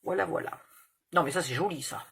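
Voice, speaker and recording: A woman's voice: lowish voice, fairly quick, gravelly, husky. A woman in her fifties hosting a crafting tutorial, chatting casually and rambling through a story with casual swearing. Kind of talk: casual chat while crafting.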